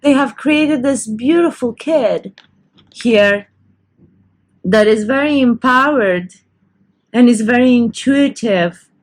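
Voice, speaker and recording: A woman's voice: fairly high pitch, takes it slowly, long pauses. A woman doing a casual tarot reading to camera, talking loosely with restarts and self-corrections. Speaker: tarot reader.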